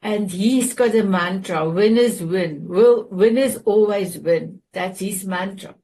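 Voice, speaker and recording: A middle-aged woman with a South African accent, a native Afrikaans speaker, hosts a group video call and shares her story in a casual, heartfelt way. Her voice is medium-pitched with a dark tone, and she speaks earnestly but haltingly, with fillers and restarts.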